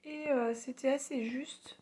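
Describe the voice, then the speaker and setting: A woman with a heavy cold, her nasal voice hoarse and giving out, chats casually and haltingly to her followers in a self-deprecating way. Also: high voice, steady tone, dark tone. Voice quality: hoarse, worn voice with little power; nasal, congested. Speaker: spiritual medium vlogger. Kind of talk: casual personal storytelling to followers.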